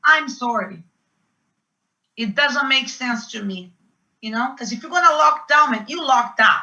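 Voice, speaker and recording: A woman's voice: high-pitched, lively intonation, measured pace, pushed and bright, highs cut off. A woman in her fifties from Brazil, speaking with a Brazilian Portuguese accent, arguing passionately in a round-table debate. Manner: passionate, emphatic. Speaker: panel guest.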